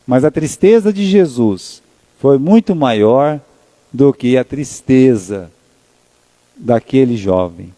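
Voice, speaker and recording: A man's voice: medium pitch, expressive, slow, mellow. A male pastor with a Brazilian Portuguese accent preaching a sermon in church, talking in a conversational way and putting questions to the congregation before answering them.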